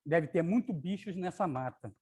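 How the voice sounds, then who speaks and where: A man's voice: on the high side, lively intonation, moderate pace, mellow, husky, voice pushed down. A man voicing a cautious young girl who refuses, anxious and cross, in a read-aloud children's story. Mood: angry.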